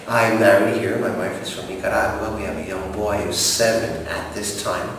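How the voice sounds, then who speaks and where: A director of operations from Montreal, Canada, a native French speaker, gives interview answers in a formal, measured way with frequent hesitations. His voice is on the low side, level, and a bit bright. He sits far from the mic in a very echoey room with long reverb.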